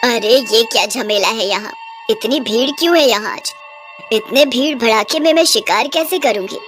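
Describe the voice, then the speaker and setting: A menacing witch who cackles and gloats over her prey, as a woman puts her on. She comes from a storybook cartoon and speaks high with a lively swing. Loud music plays beneath her. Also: normal speed. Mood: puzzled. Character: hungry menacing female witch, later remorseful.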